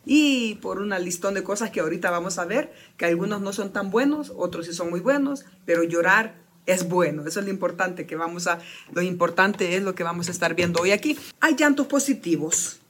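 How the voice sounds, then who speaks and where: A woman giving an animated motivational talk to an audience, asking rhetorical questions and often restarting her sentences. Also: fairly low pitch, fairly quick, slight background noise.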